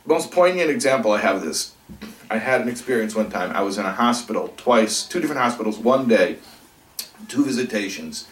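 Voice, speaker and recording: A man teaching a religious class, lively and thinking aloud, acting out examples as he goes. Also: fairly low pitch. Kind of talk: Torah class lecture. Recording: echoey room, from a distance.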